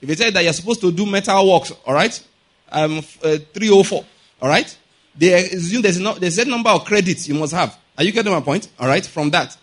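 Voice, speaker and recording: In a teaching sermon drawing on everyday life, a middle-aged Nigerian man explains his message point by point, repeating ideas and regularly checking comprehension with rhetorical questions. He talks a little fast in a high, fairly bright voice with a breathy edge.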